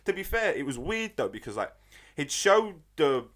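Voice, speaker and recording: A man's voice: a little high, big pitch swings, moderate pace, a bit bright. A young Irish man hosting a podcast, bantering and swearing with a friend. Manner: teasing, profane banter. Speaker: podcast host. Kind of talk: casual podcast chat.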